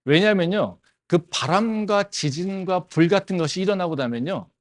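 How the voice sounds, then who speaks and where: Animated Korean pastor preaching. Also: male voice, high-pitched, normal speed. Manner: animated, with rhetorical questions and frequent affirming interjections. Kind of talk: sermon. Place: campus church service.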